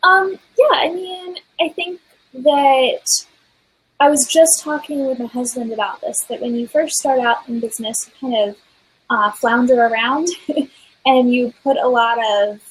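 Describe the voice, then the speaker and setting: A woman who is an art business consultant, speaking in a relaxed, reflective way on a video call. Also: sits high, unhurried, breathy edge, low-quality recording. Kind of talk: casual video-call chat.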